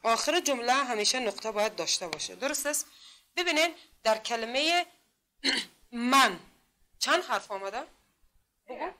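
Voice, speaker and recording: A woman teaching literacy in a classroom, speaking with an Afghan Dari accent, patiently repeating herself and sounding out letters slowly. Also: on the high side, expressive, bright, forceful tone. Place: classroom with a board.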